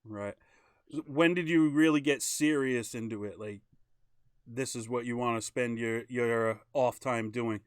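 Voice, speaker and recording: A man hosts a casual live-stream interview in an upbeat, chatty way. His voice is smooth and clear, and the sound is dry and close with little room echo. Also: mid-range voice, a little slow. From Maine. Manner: upbeat, chatty, plugs sponsors. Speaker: host.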